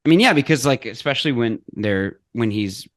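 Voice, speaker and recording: A man co-hosting a film podcast, easygoing and quick to laugh along. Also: mid-range voice, lively intonation, no room sound, studio quality. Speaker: podcast co-host. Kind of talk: podcast conversation.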